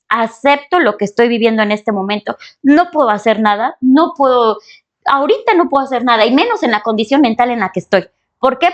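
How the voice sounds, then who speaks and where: A woman with a Mexican Spanish accent, a spiritual therapist speaking as a guest in an expressive, emphatic podcast interview. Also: fairly high pitch. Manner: expressive and emphatic, with exclamations and repetitions.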